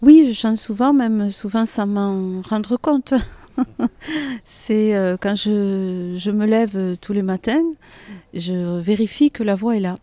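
Female interview guest, Toulouse accent, mellow and dry-sounding, hesitant conversational delivery. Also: medium pitch, slow, no echo. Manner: hesitant, searching for words, often chuckling. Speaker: guest, metro announcer and singer. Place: hotel courtyard in city centre.

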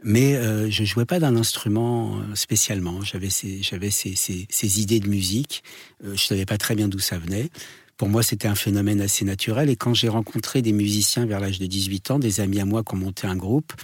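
Lowish-voiced Frenchman, halting interview guest. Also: steady tone, husky, dry recording, studio quality. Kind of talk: conversational radio interview.

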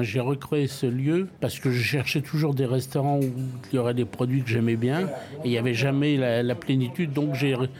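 Older French man, restaurateur, halting and repetitive, mid-pitched. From France. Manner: hesitant, frequent repeated words and restarts. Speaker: restaurant owner. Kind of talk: interview, casual storytelling.

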